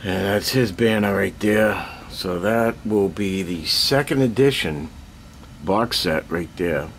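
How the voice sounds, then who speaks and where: An older man with a low-pitched voice speaks slowly in a casual show-and-tell update about his miniatures, filmed on a handheld camera in a cluttered basement hobby room. He rambles, pokes fun at himself, and clears his throat often, over a little hiss or hum.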